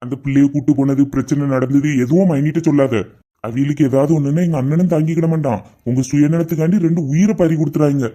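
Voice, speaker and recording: Man playing an uncle, firm, reassuring, slightly high voice. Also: fast talker, mellow, close to an everyday voice. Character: steady uncle, calming and advising the family.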